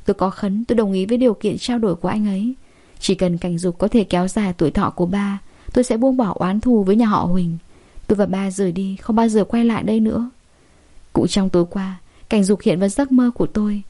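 A woman narrating a first-person audiobook story in a steady storytelling manner, voicing the heroine's lines too. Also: medium pitch, a little fast.

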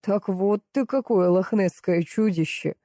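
A man's voice: sits high, unhurried, warm tone, no room sound, clean studio sound. A woman voicing a cowardly man who wisecracks in an audiobook. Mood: wry. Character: cowardly man hiding behind sofa, wisecracking.

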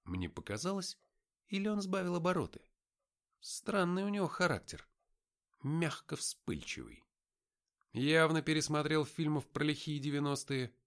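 A man reads an audiobook in the first person, voicing the hero's wry inner monologue. His delivery is expressive, with lively swings in pitch. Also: normal speed, pauses often. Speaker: audiobook narrator.

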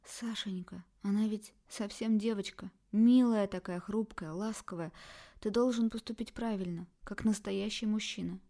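A woman's voice: mid-range voice, fairly even intonation, normal speed, dark tone, lightly acted. A woman voicing a worried, reproachful middle-aged mother in an audiobook. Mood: coaxing. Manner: pleading, scolding, emotional. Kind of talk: audiobook character voice.

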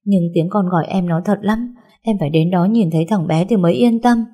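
A woman's voice: fairly low pitch, fairly quick, dark tone, husky. Woman as a desperate, pleading young mother. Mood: anxious. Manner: pleading and urgent. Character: anxious young mother desperate for her son.

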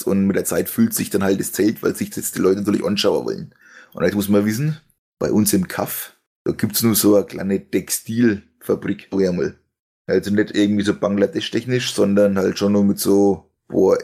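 A man's voice: deep voice, gravelly, a little mellow, slightly rough. A young man telling rambling, laughing anecdotes in a casual stream chat. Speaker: stream host telling a story.

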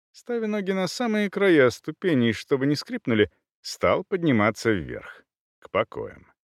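A man narrating an audiobook with animated delivery, voicing each character. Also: fairly low pitch, no room sound, studio quality.

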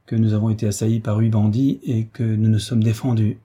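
A man playing a calm, courteous young hero. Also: fairly low pitch, brisk, husky. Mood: reassuring. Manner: courteous, reassuring.

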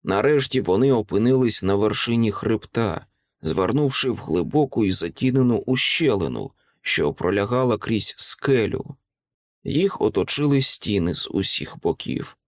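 A man reading a fantasy novel aloud as an audiobook narrator, in a steady, measured storytelling manner. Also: lowish voice, no echo. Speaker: audiobook reader.

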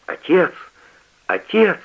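A man's voice: mid-range voice, very animated, normal speed, breathy edge. A man voicing a defiant, stubborn young son who pleads and protests, on a dull lo-fi radio recording. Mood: desperate.

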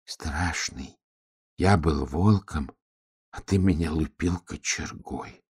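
A man voicing a gentle, timid little male donkey in a fairy tale, speaking softly, slowly and plaintively. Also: very deep voice, breathy edge, heavily acted.

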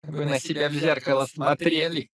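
A man voicing a grumpy, sarcastic male robot with a creaky, grating, squeaky voice, drawing out his mocking lines. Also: level tone, a bit bright, natural voice. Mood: sneering. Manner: mocking, drawn-out, condescending. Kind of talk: audiobook narration with character voices.

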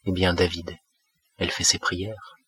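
A man voicing a calm, skeptical older pastor in an audiobook, speaking in a composed, dismissive way. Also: sits low, measured pace, breathy edge, no echo, full character voice.

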